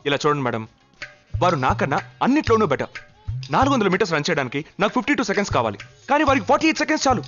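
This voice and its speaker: An actor dubbing a deferential, sly young army captain who talks quickly and eagerly. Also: male voice, sits high, huge pitch swings, fairly bright tone, full character voice. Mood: pleading. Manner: quick, eager, respectful sir-ing. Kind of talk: dubbed film comedy acting. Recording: dull film audio with music.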